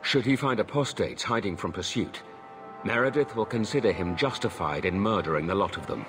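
Low, formal knight. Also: male voice, expressive, music in the background. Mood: grave, earnest. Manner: formal, grave, measured. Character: earnest, stern, honorable armored knight templar. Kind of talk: video game voice acting.

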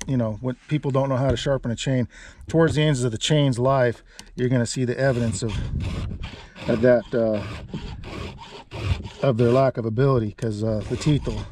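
A man's voice: mid-range voice, a little mellow, recorded from a distance. Folksy middle-aged guy showing how it's done in his yard, action cam audio with noise in the back. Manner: folksy, plain-spoken, self-correcting. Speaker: chainsaw instructor. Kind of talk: casual outdoor how-to demonstration. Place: outdoors in a rural yard. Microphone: action camera close by.

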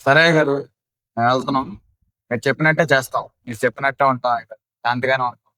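A man's voice: medium pitch, steady tone, fast talker, bright, forceful tone, lightly acted, rough recording. A man voicing a resigned husband who promises the pastor to keep peace.

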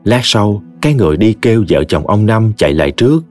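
A man with a Southern Vietnamese accent narrating a story in an expressive, folksy way. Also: on the low side, fast, soft background music.

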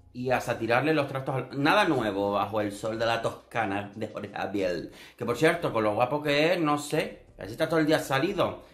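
Male YouTuber, chatty gossip commentary, campy and exclamatory, mid-pitched voice, roomy echo on the recording. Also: fairly bright tone. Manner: gossipy, exclamatory, campy, mimics people with a raised voice.

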